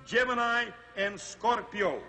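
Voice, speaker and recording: A man's voice: extremely high pitch, slow pace, sharp tone, full character voice. A man playing a dim-witted, obedient henchman in a children's TV comedy, earnest and servile. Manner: simple-minded, servile, earnest. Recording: faintly noisy vintage TV soundtrack.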